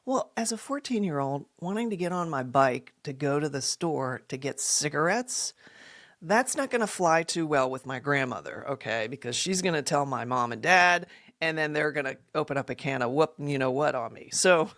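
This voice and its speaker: A woman podcast host animatedly tells a funny personal story at a moderate pace in a deep voice. She laughs often and acts out what people said.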